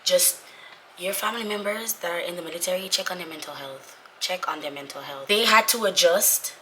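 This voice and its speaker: A young woman, a Navy corpsman trainee who vlogs, talks casually to her viewers on camera. She's sick and losing her voice, which is slightly low, forceful, raspy and tired, a little fast, and she repeats phrases informally for emphasis. The low-quality recording has faint room ambience and slight background noise.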